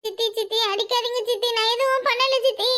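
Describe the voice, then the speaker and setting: A woman's voice: very high voice, fairly even intonation, quick pace, pushed and bright. A woman voicing a cheeky older girl who bullies her little cousin, in a sulky, defiant whine. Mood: pleading.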